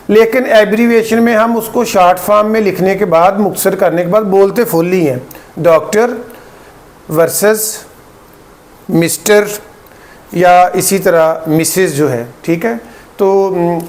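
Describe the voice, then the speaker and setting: A man teaching a grammar lesson, explaining patiently, spelling out letters one by one and often checking that listeners follow. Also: sits high. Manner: deliberate, spells out letters, repeats "theek hai" to check understanding. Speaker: English teacher.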